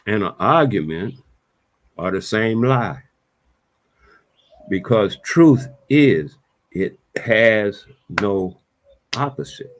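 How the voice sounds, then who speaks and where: Man giving a lively, preachy monologue. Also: mid-range voice. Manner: preachy, repetitive, emphatic; casual vernacular. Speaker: vlogger. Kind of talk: reflective monologue.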